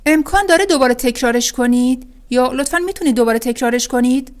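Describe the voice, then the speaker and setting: A woman teaching English phrases with translations, saying each phrase and then repeating it slowly and carefully. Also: sits high. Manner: clear, careful pronunciation, drawing out words on repetition. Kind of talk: language lesson, reading phrases then repeating them slowly.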